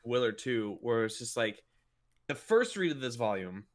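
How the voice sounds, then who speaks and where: A man's voice: medium pitch, sing-song, normal speed. A man co-hosting a podcast in casual chat, musing aloud with lots of filler "like". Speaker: podcast co-host.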